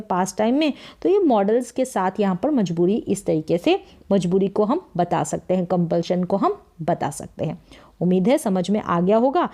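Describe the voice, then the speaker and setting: A woman explains English grammar rules in a steady teaching voice. She repeats the key phrases for emphasis. She says each English example sentence slowly and carefully so learners can follow. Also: mid-range voice.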